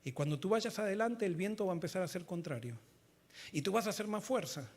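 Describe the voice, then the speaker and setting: Male pastor, high voice, fervent sermon, swings loud to hushed. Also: animated, fast. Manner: fervent preaching that swings between loud emphatic lines and low quiet ones.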